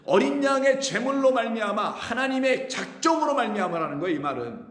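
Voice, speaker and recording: A man preaching a sermon in a fairly high voice, earnest and drawn out on the phrases he stresses. His voice rings through a big church room with a long, lingering reverb. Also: very animated, a bit bright. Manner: earnest preaching, rising and slowing on key phrases. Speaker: pastor. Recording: echoey church hall.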